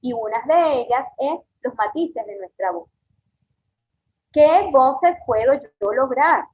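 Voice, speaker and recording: A woman teaches a storytelling class, speaking slowly and clearly in a fairly high voice. She keeps checking in with her students. The sound is tinny and narrow, like a video call over a phone line. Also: animated. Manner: slow, clear, encouraging, checks in with "ok?". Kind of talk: online class lecture.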